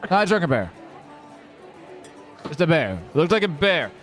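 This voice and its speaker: Man doing a drunk dwarf miner, boastful, rambling, slurry, lively swings in pitch, fairly high voice. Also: moderate pace, faint music behind.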